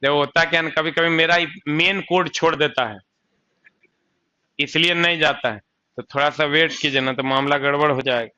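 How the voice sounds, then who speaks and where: Young male coaching teacher, bright lively tone, chatty lecture, dull lo-fi audio. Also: a little high, normal speed, clear, resonant tone. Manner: chatty, asks students rhetorical questions, slips into local dialect. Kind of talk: live online exam-coaching lecture.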